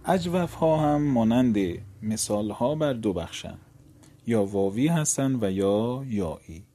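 A male teacher with a mellow, warm tone works through a grammar lesson. He explains each rule patiently, poses rhetorical questions and gives the letters voices of their own. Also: on the low side.

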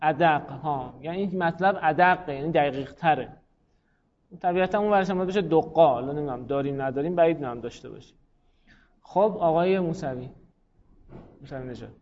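A man's voice: on the high side, highs cut off. A man teaching a class, explaining grammar patiently and calling on students by name. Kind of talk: classroom lecture.

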